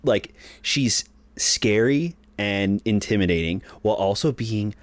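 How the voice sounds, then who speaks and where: A man's voice: on the low side, a little slow, dry recording. A man co-hosting a podcast, talking enthusiastically in casual chat, with lots of "like" fillers and restarts. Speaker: podcast co-host. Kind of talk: casual show recap chat.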